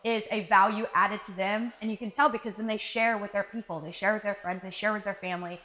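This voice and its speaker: A woman guest on a podcast, telling stories in a casual, animated way, acting out quoted conversations and saying "like" often. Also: medium pitch, quick pace. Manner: animated, acts out quoted dialogue, frequent "like". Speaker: marketing director guest. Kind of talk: casual interview storytelling. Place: live podcast recording.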